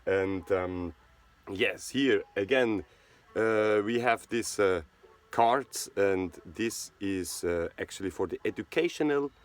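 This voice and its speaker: In a relaxed monologue, the Swiss host of a charity video channel speaks in a low voice. He halts often, reaching for words and leaning on fillers and restarts.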